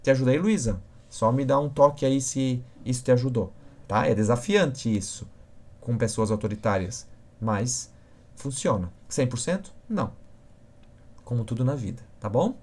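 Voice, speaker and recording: A man's voice: mid-range voice, lively intonation, normal speed, a little mellow. A man teaching on a live stream, answering viewers by name and checking in often with short questions. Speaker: communication instructor.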